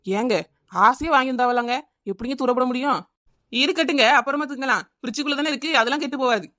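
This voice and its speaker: A woman's voice: high voice, fast, bright, forceful tone. A woman voicing a scatterbrained housewife in a comedy cartoon, chattering and wheedling, with a Kanyakumari Tamil accent. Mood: bickering. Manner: chattering, wheedling, repeats the neighbour's name.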